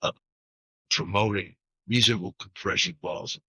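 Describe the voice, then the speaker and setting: A man's voice: lowish voice, steady tone, normal speed, pushed and bright, slightly rough, no room sound, poor audio. A man co-hosting a golf podcast, telling rambling stories in casual chat with frequent restarts. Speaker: podcast co-host.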